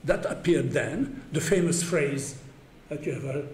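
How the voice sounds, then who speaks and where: A man's voice: a little high, a little slow, darkish tone. An older man giving an academic conference talk in a university room, hesitant with many fillers and wry chuckles. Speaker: conference speaker. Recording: echoey room, faint background hum.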